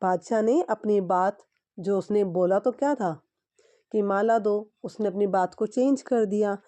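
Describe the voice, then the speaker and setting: A woman's voice: mid-range voice, measured pace, warm tone. A young woman teacher telling a story to children and explaining each line again in simple words.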